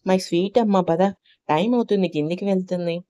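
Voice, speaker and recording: A woman's voice: lowish voice, quick pace, mellow, dry recording, lightly acted. A woman voicing an emotional young newly married woman in an audio story. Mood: sad, affectionate.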